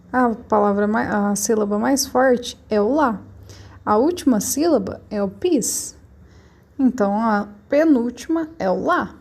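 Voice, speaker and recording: A woman's voice: a little high, creaky, a little mellow. A woman teacher, patiently explaining textbook exercises step by step for her young pupils in a remote class. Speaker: primary school teacher.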